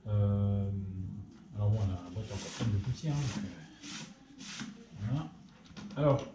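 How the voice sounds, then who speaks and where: A man hosting his own workshop channel, explaining machining in a casual technical tutorial, often pausing with fillers. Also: fairly low pitch, lively intonation, very noisy. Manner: hesitant, many filler pauses. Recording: roomy echo.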